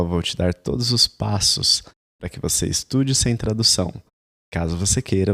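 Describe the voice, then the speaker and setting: A man explaining and promoting lessons in a scripted, persuasive way. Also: low-pitched. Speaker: English teacher. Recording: music playing underneath.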